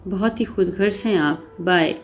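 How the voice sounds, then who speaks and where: A woman's voice: fairly low pitch, natural voice. A woman voicing a spirited young heroine in a story reading, talking with indignant, emotional force. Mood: hurt. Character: spirited young woman, proud and quick to anger. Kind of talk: audiobook character reading.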